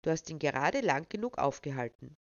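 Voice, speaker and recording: A woman reading a storybook and voicing a calm, clever young woman who teases and provokes with amusement. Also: low-pitched, a little fast, dry recording, highs cut off. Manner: provocative, teasing.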